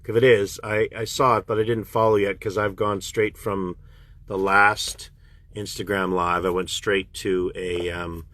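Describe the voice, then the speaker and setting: On a phone livestream, a Canadian man who works as a voice actor chats casually with fans and takes their questions. He's unhurried but chatty and animated, his pitch leaping when he gets excited, and there's no echo.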